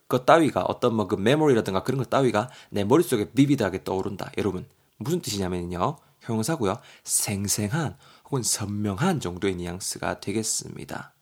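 Gyeongsang-accented man teaching English vocabulary. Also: lowish voice. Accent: Gyeongsang Korean. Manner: spells words letter by letter and repeats them; reads English example lines slowly and carefully. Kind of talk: podcast vocabulary lesson.

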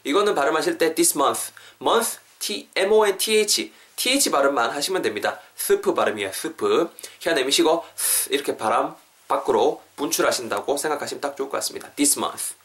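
A man hosting a podcast English lesson, repeating English phrases slowly for practice. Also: fairly high pitch, animated, fairly bright tone. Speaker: English teacher, podcast host.

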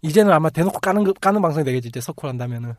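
A man's voice: on the high side, animated, rapid-fire, no room sound, studio quality. A man hosting a casual podcast chat, laughing often and sometimes mimicking other people. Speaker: podcast host.

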